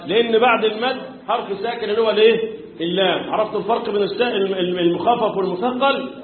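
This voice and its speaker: High-voiced Egyptian tajweed teacher. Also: male voice, racing, slight background noise. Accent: Egyptian Arabic. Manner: quizzes students, answers his own questions; chants the verses in recitation. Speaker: Quran recitation teacher. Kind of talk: tajweed lesson. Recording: echoey room, tinny phone-like sound.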